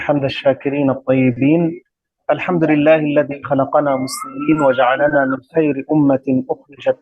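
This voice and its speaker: A man from Gaza with an Arabic accent, speaking as a guest at a religious talk, measured and courteous. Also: mid-range voice. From Gaza, Palestine. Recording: dull radio broadcast sound.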